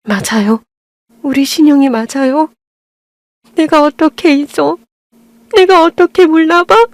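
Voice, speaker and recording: A woman doing a middle-aged mother in an audio drama who speaks softly and tenderly, close to tears. The sound is dry and close-miked. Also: sits high, a little slow, dry recording, voice pushed up. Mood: tearful. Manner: soft, tender and emotional.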